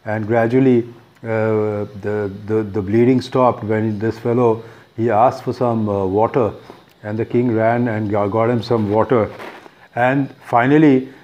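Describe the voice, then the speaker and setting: A man with an Indian accent retells a short story off the cuff, pausing often with fillers and restarts, on a dull lo-fi recording. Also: on the low side, fairly even intonation, darkish tone. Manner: hesitant, many fillers and restarts. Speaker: book talk presenter.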